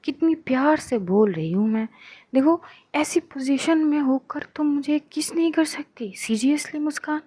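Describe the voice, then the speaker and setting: A woman's voice: high-pitched, animated, a little slow, mellow, no echo, voice pushed up. A woman voicing a teasing, coaxing young policewoman. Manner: pleading, teasing, insistent.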